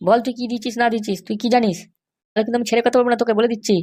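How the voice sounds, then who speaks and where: Brief: a woman playing an angry cartoon husband, rapid-fire threats, mid-pitched. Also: level tone, natural voice. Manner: angry, threatening, shouting insults. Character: hot-tempered threatening young husband, Kittu. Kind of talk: cartoon voice acting.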